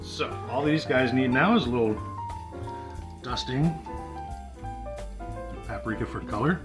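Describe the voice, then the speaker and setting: A man's voice: mid-range voice, a little slow. A man hosting a cooking show, talking in a folksy, joking way. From American South. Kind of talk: casual cooking demonstration. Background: guitar music.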